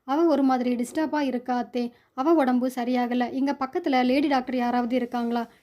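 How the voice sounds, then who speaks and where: A woman reading a short story aloud, voicing a gentle young husband who speaks softly and with care to his new wife. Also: high voice, steady tone, moderate pace, natural voice. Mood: concerned. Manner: soft, caring.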